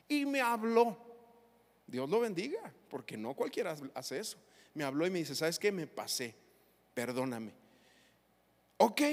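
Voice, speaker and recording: A man, a pastor preaching a sermon and telling personal stories in an animated, emotional way. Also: high-pitched, vocal fry. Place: church hall. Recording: reverberant church hall.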